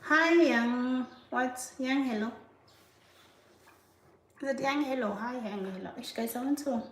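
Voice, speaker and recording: A woman's voice: sits high, a little slow. A woman chatting sarcastically to her viewers while washing dishes at home, laughing often. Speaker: vlogger. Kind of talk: casual chat to viewers. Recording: echoey room, mic far off.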